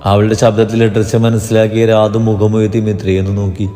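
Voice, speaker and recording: A man narrating a romantic family story in a steady, even reading. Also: on the low side, quick pace, long reverb tail, faint music behind.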